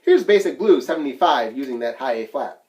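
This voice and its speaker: A man walks young flute players through a method book, naming each marking and counting beats out loud. His voice sits in a middle range and moves up and down a lot as he speaks. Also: mid-range voice, expressive, fairly quick, lo-fi sound, very noisy. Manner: counts beats aloud and explains terms plainly. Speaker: band teacher. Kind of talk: flute lesson walkthrough.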